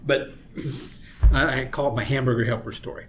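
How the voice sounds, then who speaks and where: A man, a guest in an interview, telling a long story in a relaxed way and clearing his throat often. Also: medium pitch, brisk, slight background noise. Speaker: guest, outdoor mentoring program leader.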